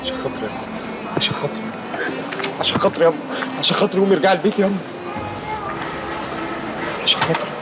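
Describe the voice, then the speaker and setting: A man's voice: high-pitched, very fast, long pauses, close to an everyday voice. Pleading Egyptian son, played by a man. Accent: Egyptian Arabic. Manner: insistent, pleading. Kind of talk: TV series acting. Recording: loud music score behind.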